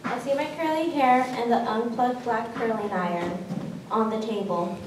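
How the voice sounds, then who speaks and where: A woman with a slightly high voice reads a calm, detailed story in the present tense. Her voice comes from a distance and rings in a very echoey room, over faint noise. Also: normal speed. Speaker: performer reading a personal piece. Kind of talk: present-tense descriptive narration.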